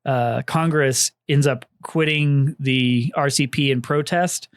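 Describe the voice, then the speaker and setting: A man's voice: medium pitch, steady tone, slow pace, dry recording. A man casually telling history on a podcast, rambling with fillers and swearing freely. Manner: loose and chatty, lots of fillers, swears freely. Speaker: podcast co-host presenting history.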